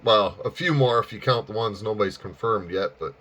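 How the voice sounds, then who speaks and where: An amateur radio operator who also makes hobby videos chats casually over ham radio in an easygoing, folksy manner. His fairly low voice is a bit bright and moves a little fast.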